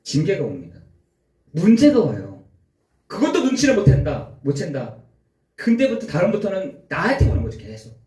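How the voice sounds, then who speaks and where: A man preaches a sermon in a high voice that climbs and drops sharply. He acts out pleading prayers and stern replies in short bursts. The sound rings in a roomy church hall. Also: wildly swooping pitch, normal speed, dark tone. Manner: preaches in rising and falling bursts, acts out God's and worshippers' words. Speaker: pastor. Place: church sanctuary.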